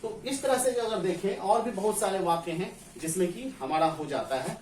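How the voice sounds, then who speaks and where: A man's voice: high voice, normal speed, darkish tone. A man teaches grammar in a classroom and keeps asking the students whether they understand. His voice carries through an echoey room. He stands some distance from the mic, with a faint hum of ambience behind him. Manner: asks the class questions and answers them himself, often checks "clear?".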